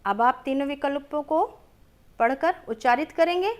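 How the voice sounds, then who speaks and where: A woman teaching young children, reading words aloud slowly and drawn out, asking questions and then answering them herself. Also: sits high. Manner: slow and drawn-out, stretches each word.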